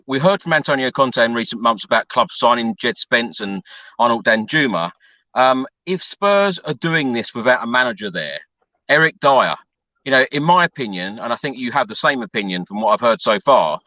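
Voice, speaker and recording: A man's voice: mid-range voice, bright, forceful tone, dry recording, lo-fi sound. A man hosting a casual football panel discussion and putting questions to the others. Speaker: podcast host.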